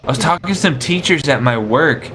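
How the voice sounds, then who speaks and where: A man's voice: fairly high pitch, expressive, a little fast, a crowd in the background. A man chatting out of character who can't shake the cowboy drawl of his roleplay voice. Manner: stuck in a put-on cowboy drawl. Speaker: roleplay player. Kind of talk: out-of-character chat.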